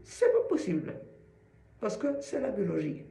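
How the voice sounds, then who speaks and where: A man with a fairly high voice gives a one-on-one singing lesson, explaining patiently with everyday comparisons. His pitch swings widely as he talks, and he speaks at an unhurried pace. The sound carries a noticeable room echo. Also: very animated, gravelly, warm tone. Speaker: singing teacher. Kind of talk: informal voice lesson addressed to one student.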